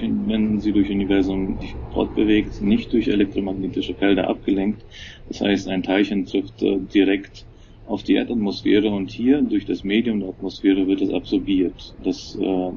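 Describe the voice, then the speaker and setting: A man with a low, gravelly and dark voice explains technical matters haltingly, filling pauses with filler sounds. He comes through a low-quality stream, so the sound is dull and lo-fi with faint noise underneath. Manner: hesitant, many filler sounds, restarts. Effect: low-quality stream with degraded sound. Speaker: technical coordinator of a telescope project. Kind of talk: explanatory interview answers. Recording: dull, lo-fi, noisy remote recording.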